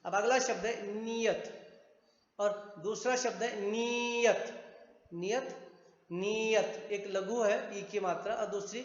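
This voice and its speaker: A man's voice: high-pitched, steady tone, takes it slowly. A man teaching a grammar lesson at a board, patient, repeating words and spelling out their sounds. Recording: echoey room, dull sound.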